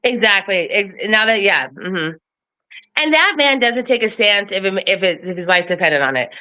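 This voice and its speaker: A woman's voice: mid-range voice, expressive, moderate pace, pushed and bright. A woman in a casual political chat, blunt and profane, ranting about local politics. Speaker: political commentator. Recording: slightly dull lo-fi audio.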